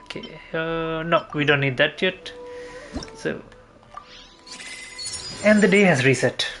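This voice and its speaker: Music runs in the background while a male streamer offers laid-back commentary on his game, muttering to himself and swearing mildly. He speaks slowly in a highish, fairly bright and animated voice.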